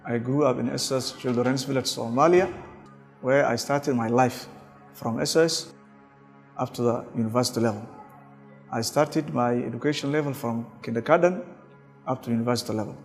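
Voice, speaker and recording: A man's voice: medium pitch, normal speed, in a large hall, soft background music. A man who graduated from the nursing college speaks reflectively about his own path in a documentary interview.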